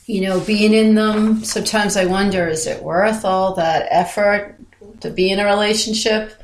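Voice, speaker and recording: A woman co-hosting a podcast in casual, reflective conversation, speaking thoughtfully and haltingly, often repeating her phrases. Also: mid-range voice, steady tone, slight background noise. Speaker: podcast co-host. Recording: roomy, echoey sound.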